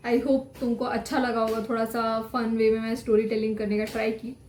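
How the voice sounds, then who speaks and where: A young woman vlogger telling a story about herself in a lively, animated, self-mocking way, casual and chatty. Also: a little high, fairly quick, soft background music. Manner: says her voice is normally loud. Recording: echoey room with faint ambience.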